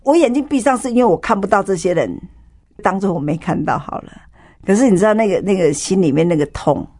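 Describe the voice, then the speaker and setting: A woman's voice: medium pitch, lively intonation, quick pace, warm tone, slightly rough. A woman with a Taiwanese Mandarin accent, giving an emotional personal testimony as an interview guest and acting out the people in her story. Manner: vivid storytelling, acts out dialogue.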